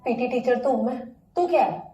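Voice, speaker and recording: A woman's voice: a little high, lively intonation, a little fast, muffled recording, a little hiss or hum, natural voice. A woman playing a blunt, exasperated PT teacher. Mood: defensive. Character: frank, stubborn woman PT teacher, young adult. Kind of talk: film dialogue. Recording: echoey, distant film audio with loud music.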